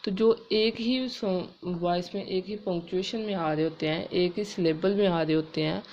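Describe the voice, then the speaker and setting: Woman, English teacher, rather low voice, spells words out letter by letter, slightly dull lo-fi sound. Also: fairly even intonation, darkish tone. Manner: explains step by step, mixing English and Urdu, spelling words letter by letter; reads English rules out slowly and carefully. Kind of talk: classroom-style grammar lesson.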